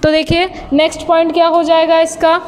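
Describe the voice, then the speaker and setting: A woman biology teacher lectures in a very high voice. She repeats key terms and asks the class quiz-style questions. Her voice rings with a long reverb. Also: completely flat delivery, brisk, a little mellow. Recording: long reverb and faint background hiss.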